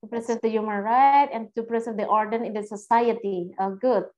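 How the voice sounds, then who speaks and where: Woman law lecturer, fairly high voice, repeats questions, calls on students. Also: fairly even intonation, a little fast, mellow, low-quality recording. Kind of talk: interactive lecture.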